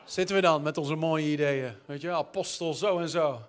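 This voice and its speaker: Male preacher, high voice, sermon full of anecdotes and quips. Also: normal speed, some chatter behind. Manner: storytelling, jokey asides, repeats words when searching.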